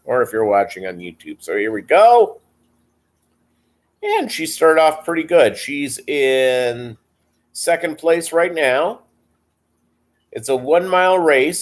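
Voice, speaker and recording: Male livestream host, deep Southern US accent, mid-pitched, unhurried, rambling casual chat. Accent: deep Southern American. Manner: rambling, halting delivery, reading and answering viewer comments. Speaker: live stream host.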